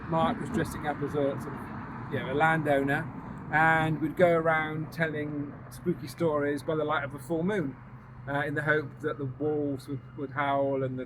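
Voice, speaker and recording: A man guiding a ghost walk, telling anecdotes casually and hesitantly to a small group outdoors. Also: a little high. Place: outdoors on a walking tour near a road. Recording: noisy outdoor recording with passing vehicles.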